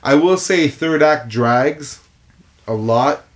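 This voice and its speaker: A man's voice: on the high side, animated, takes it slowly. A man co-hosting a movie podcast, chatting casually and animatedly, laughing often and acting out scenes. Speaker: podcast co-host.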